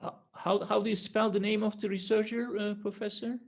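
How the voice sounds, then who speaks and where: A man's voice: sits high, flat delivery, fairly quick. A man interviewing a professor, asking formal questions and adding short acknowledgements. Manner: brief backchannels and formal questions.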